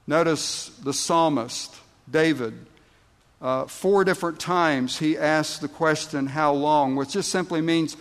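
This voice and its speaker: A man preaching a sermon as pastor, slow and deliberate, rising to emphatic outbursts. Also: on the high side. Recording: long reverb of a large hall.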